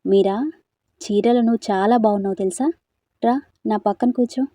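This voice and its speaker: A woman's voice: medium pitch, fairly even intonation, normal speed, warm tone, no room sound, clean studio sound, natural voice. A woman voicing a domineering young man who bosses and belittles his cousin, in an audio story. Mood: bossy. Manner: bossy, contemptuous.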